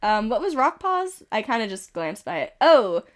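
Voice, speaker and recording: A woman's voice: a little high, sing-song. Slightly sick woman reading game events. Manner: reads events with quick amused asides and chuckles. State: a little sick, with occasional coughs. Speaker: streamer. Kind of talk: casual game stream, reading in-game events aloud.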